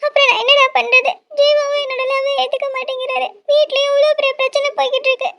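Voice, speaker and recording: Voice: very high-pitched, flat delivery, fast, dull audio. A performer voicing a young woman in a cartoon, a lovesick younger sister who pleads in distress. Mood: upset. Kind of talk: cartoon voice acting.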